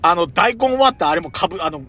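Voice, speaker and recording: Bright, animated man chatting casually. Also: on the high side, quick pace. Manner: chatty, emphatic, feminine-style colloquial phrasing. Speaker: podcast co-host. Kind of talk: casual food chat.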